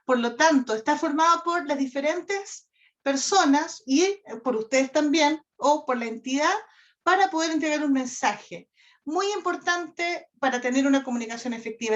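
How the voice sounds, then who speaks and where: Woman instructor, higher voice, steady lecture with "¿cierto?" check-ins, muffled lo-fi sound. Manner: addresses class directly, frequent "¿ya?" and "¿cierto?" check-ins. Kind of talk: online lecture on communication. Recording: dull lo-fi audio.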